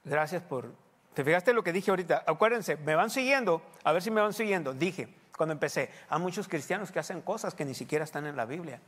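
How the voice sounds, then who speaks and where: A man's voice: fairly high pitch, animated, a little fast, a bit bright, big-room sound. A male pastor preaches a sermon in a church. He talks to the congregation conversationally and often asks them questions.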